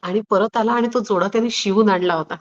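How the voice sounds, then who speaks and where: A woman's voice: medium pitch, fast, lo-fi sound. A woman guest telling personal stories in a reflective, anecdotal way, with frequent hesitations. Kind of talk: personal storytelling in conversation.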